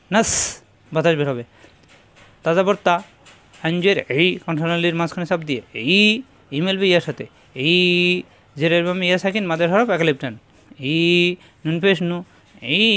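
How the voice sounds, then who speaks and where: A man leads a methodical pronunciation lesson and drills each sound again and again. His voice sits high and comes across smooth and resonant. Now and then he slips into a slow, chanted recitation. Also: a bit bright. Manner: methodical, repeats each syllable slowly. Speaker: Quran recitation teacher.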